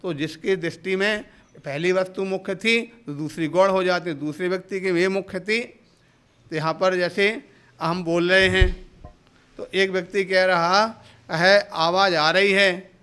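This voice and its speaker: A high, unhurried man's voice, fairly even in intonation, sharp, clear and resonant, belongs to a Jain monk giving a discourse into a hall microphone. He explains step by step, asks rhetorical questions, and acts out short everyday dialogues.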